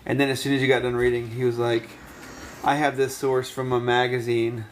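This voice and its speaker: A man in his late twenties hosts a live stream, chatting casually and pressing a guest with questions, cutting in to finish his point in a casual live chat and debate. His medium-pitched voice is level and brisk, with a little hiss or hum in the audio.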